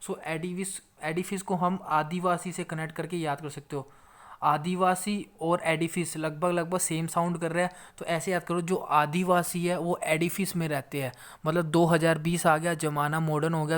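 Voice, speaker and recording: A man teaching exam vocabulary in a mix of Hindi and English, explaining patiently and repeating key points. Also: a little high. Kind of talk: Hinglish exam-prep vocabulary lesson.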